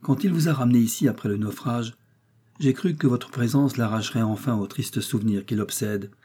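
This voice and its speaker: A man reading aloud, voicing an old mother who laments and pleads over her son, in a husky voice. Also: medium pitch, fairly quick, warm tone, close to an everyday voice. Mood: confiding. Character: anxious old mother, tender and talkative.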